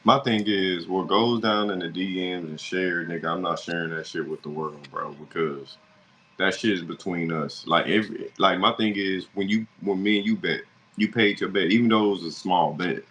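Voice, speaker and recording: A man's voice: deep voice, moderate pace, fairly bright tone, slight background noise, rough recording. A man in a casual sports chat, teasing bluntly in heavy slang.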